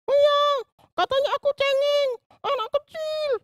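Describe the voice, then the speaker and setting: A man voicing a crying little girl in a children's puppet show, whiny and squeaky. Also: a little slow, no room sound, studio quality. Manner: whiny, tearful, high-pitched. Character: crying, sulking little girl who was teased.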